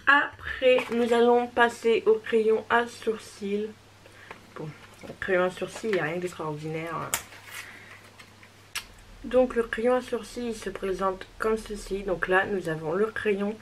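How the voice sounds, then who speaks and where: A woman's voice: medium pitch, takes it slowly, slight background noise, rough recording. Chatty young woman reviewing makeup. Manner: chatty, hesitant, reassuring. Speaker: beauty vlogger.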